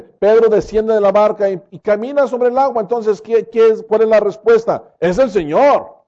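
A man preaching a sermon, slowing down and rising for dramatic quotes. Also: high-pitched, warm tone, lo-fi sound.

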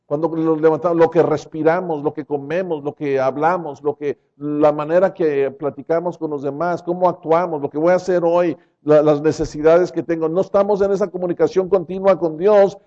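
A man preaching a sermon, slowing down and rising for dramatic quotes. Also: fairly high pitch, fairly even intonation, warm tone, muffled recording.

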